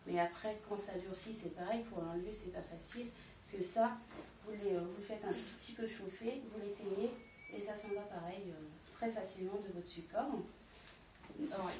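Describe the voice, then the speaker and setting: A woman at a home party sells candles to the guests, speaking at medium pitch and a moderate pace. She explains each item step by step, hesitating frequently, and the sound is echoey and faintly noisy from a distant mic.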